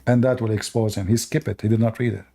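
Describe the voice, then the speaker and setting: A man's voice: lowish voice, fairly even intonation, quick pace, vocal fry, dark tone. A man hosting a live debate show, mocking and combative toward callers, speaking English with non-native grammar. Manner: mocking, combative, laughs at opponents.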